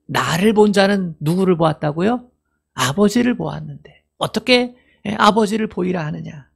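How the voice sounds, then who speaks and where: A middle-aged man preaches a sermon in a rough, gravelly voice that sits a little higher than most men's. He keeps asking the congregation questions and answering them himself, and he slows down to act out the dialogue he quotes. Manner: acts out quoted dialogue in a slowed voice. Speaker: pastor.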